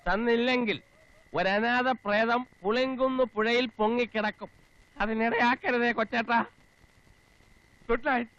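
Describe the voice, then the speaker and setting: High-voiced sly petty thief. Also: male voice, fairly even intonation, measured pace, pauses often, a bit bright, lo-fi sound. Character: scheming young male petty thief. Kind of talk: slapstick film comedy.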